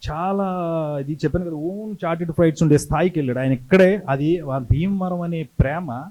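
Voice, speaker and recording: A middle-aged man tells stories to his hometown crowd in a slightly raised voice. He talks with lively energy and slips into the voices of the people he quotes. His tone is that of a practiced TV anchor. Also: on the high side, highs cut off. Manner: animated, acts out quoted voices. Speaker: TV anchor and creative director telling stories. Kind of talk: storytelling speech to a hometown audience.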